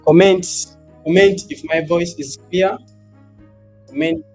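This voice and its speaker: A man's voice: high-pitched, big pitch swings, takes it slowly, vocal fry, a little mellow, soft background music. A man hosting a casual trading livestream, chatting loosely to viewers and asking for comments, his voice drenched in reverb. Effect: reverb echo on the voice. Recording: echoey stream audio with off-mic moments.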